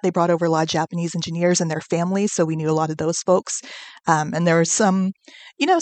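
A woman's voice: mid-range voice, darkish tone, no echo. A woman reflecting in a casual podcast discussion, speaking thoughtfully. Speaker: podcast guest.

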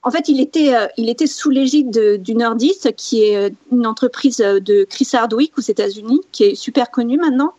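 A woman speaks on a casual podcast panel, her voice fairly high and mellow in tone. She hesitates and restarts often, filling the gaps. The recording is dry and dull, like lo-fi podcast audio. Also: fairly quick, hardly any pauses, no room sound. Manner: hesitant, many fillers and restarts.

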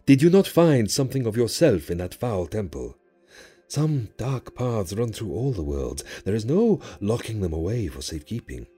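A man's voice: fairly low pitch, very animated, warm tone, husky, soft background music. A man voicing an ancient male jinn who speaks in grand, cryptic, teasing pronouncements in an audio drama. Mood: grave. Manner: theatrical, teasing, drawn-out pronouncements.

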